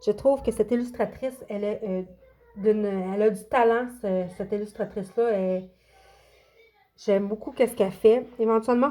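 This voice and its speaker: Chatty Québécois woman with mellow voice. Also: a little high. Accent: Québécois French. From Quebec. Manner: chatty, hesitant, many fillers and restarts. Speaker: coloring book YouTuber. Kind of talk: casual show-and-tell vlog.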